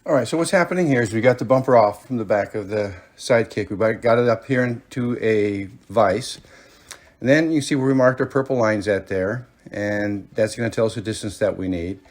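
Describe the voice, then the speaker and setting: With a brisk, low-sounding voice and no room sound, this off-road DIY channel host walks through a hands-on project. He keeps it casual and folksy, tossing in frequent short check-ins such as "cool" and "okay."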